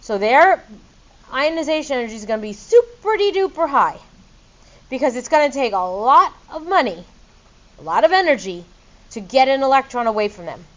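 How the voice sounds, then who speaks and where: Playful middle-aged female chemistry teacher, high voice, muffled classroom recording. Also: big pitch swings, normal speed, a bit bright. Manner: upbeat, playful teacher quizzing students. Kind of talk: classroom lecture.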